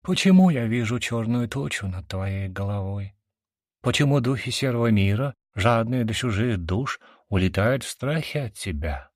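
Guy reading as a wise seer woman, calm, lively lilt. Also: mid-range voice, moderate pace, dry recording, clean studio sound, natural voice. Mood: concerned.

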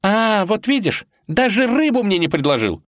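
A man voicing a capricious, quick-tempered young tsarevna in a storybook reading, with a petulant, emphatic manner. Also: high voice, very animated, no echo, clean studio sound, voice pushed up.

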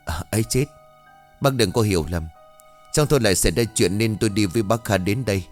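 Man reading a steady police officer, low, measured, audiobook role. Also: faint music behind, lightly acted. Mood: calm. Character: composed police captain, methodical.

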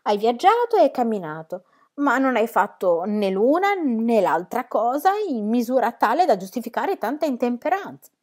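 A man's voice: very high-pitched, sing-song, moderate pace, pitched above the performer's own voice. A woman voicing a cold, pedantic middle-aged pastor who talks down to his wife in a stiff, formal way. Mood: coldly condescending. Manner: coldly formal, condescending.

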